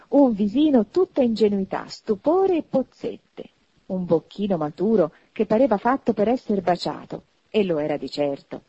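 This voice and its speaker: A woman giving an expressive audiobook narration of a classic novel. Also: mid-range voice, breathy edge, no room sound, highs cut off. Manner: expressive, animated reading.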